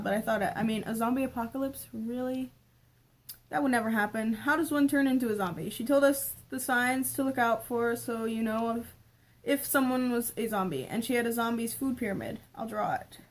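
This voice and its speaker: Higher-voiced young woman, embarrassed diary reading. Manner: informal, sweary asides. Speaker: vlogger. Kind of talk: reading an old diary aloud with casual asides. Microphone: phone camera.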